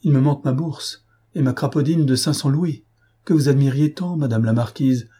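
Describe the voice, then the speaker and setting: A man's voice: medium pitch, normal speed, mellow, breathy edge, voice pushed up, close to an everyday voice. A man voicing a flustered, pompous middle-aged financier who talks in an agitated, lugubriously confidential way. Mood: alarmed indignant.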